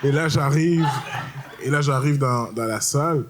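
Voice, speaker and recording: A man's voice: medium pitch, a little slow, noisy background. A young man performing a stand-up routine, telling stories in a casual, slangy way and explaining things to the crowd. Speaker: stand-up comedian. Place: comedy stage.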